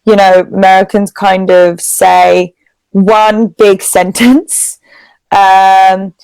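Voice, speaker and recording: Speaking through a video call, this English tutor from England talks extremely slowly in a flat, medium-pitched voice that is gravelly yet smooth and a little mellow. The casual lesson uses simple wording for her learner, and the rough recording has no echo.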